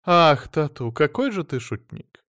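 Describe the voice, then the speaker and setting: Guy putting on a high squeaky airhead wife voice, pouty and whiny, dry close sound. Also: sing-song, measured pace, fairly bright tone, no room sound. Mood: shrill, indignant. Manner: shrill, pouty, wheedling. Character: silly childish vain blonde wife.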